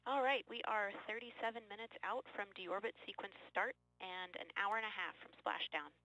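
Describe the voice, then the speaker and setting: Crisp woman on a mission radio loop. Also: mid-range voice, fairly even intonation, normal speed, sharp tone, no echo, low-quality recording. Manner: crisp, clipped procedural callouts. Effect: radio loop transmission. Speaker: spaceflight mission controller. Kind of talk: mission radio calls to the crew.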